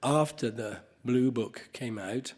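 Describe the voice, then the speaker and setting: Halting man chairing a conference panel. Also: medium pitch, a little mellow, slightly rough. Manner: unscripted, halting with restarts and coughs. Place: conference hall.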